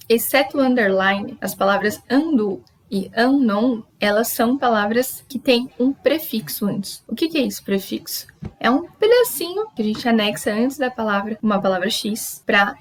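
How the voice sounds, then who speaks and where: A young Brazilian woman giving a pronunciation lesson, explaining step by step and slowly repeating model words. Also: on the high side, low-quality recording. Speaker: English teacher.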